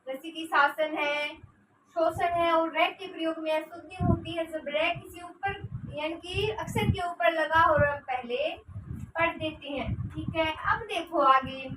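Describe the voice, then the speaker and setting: A woman's voice: very high voice, fairly even intonation, measured pace. A woman teaching a grammar lesson who asks rhetorical questions, answers them herself and dictates notes for her students to write down. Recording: roomy echo, distant mic, noisy.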